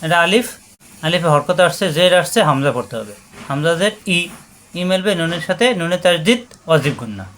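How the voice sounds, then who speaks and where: A man leads a word-by-word tajweed lesson in a notably high voice. He patiently repeats each syllable and stretches recited words into slow chant. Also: lively intonation, a bit bright, a little hiss or hum. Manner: patient, repetitive drilling of syllables, slows and sings out recitation. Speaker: Quran recitation teacher.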